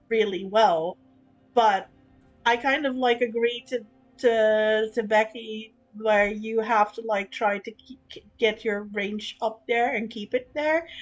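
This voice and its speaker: A woman's voice: mid-range voice, highs cut off. A woman streamer chatting frankly and casually while she plays, swearing now and then and often restarting her sentences. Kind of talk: casual live-stream chat while gaming.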